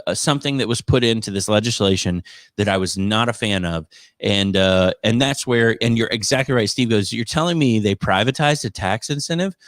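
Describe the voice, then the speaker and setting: A man's voice: mid-range voice, fairly bright tone, dry recording, clean studio sound. A man giving casual live commentary on education news as a podcast host, in an exasperated, sarcastic way. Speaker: teacher hosting a podcast.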